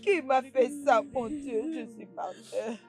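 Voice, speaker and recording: A woman's voice: high-pitched, a little slow, over music. A woman voicing a grief-stricken mother in a dubbed film, wailing and lamenting. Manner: wailing, lamenting, pleading cries. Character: grief-stricken mother, middle-aged woman, wailing over her son.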